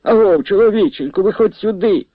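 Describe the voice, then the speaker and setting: A man's voice: a little high, lively intonation, a little slow, dry recording, narrow, tinny audio. A man voicing a pious, fussy old village priest who drawls out his words. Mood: exclaiming.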